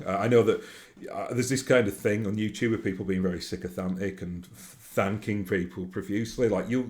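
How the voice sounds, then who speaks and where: Rambling through a casual solo monologue for his viewers, this YouTube host has a broad Yorkshire accent and leans on fillers and restarts. He's from Yorkshire, England, and his voice is low-pitched with a darkish tone.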